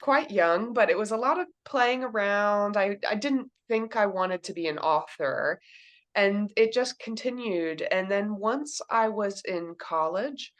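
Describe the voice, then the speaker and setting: A woman's voice: mid-range voice, lively intonation, measured pace. A woman in her thirties from Kentucky, a children's book author answering interview questions and explaining things simply. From Kentucky, USA.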